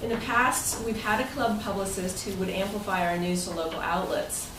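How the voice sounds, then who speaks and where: A woman speaks at a normal speed in a mid-range voice. She is the club president giving members a casual, somewhat rambling and loosely phrased talk at a meeting. The audio is roomy and noisy, recorded at a distance.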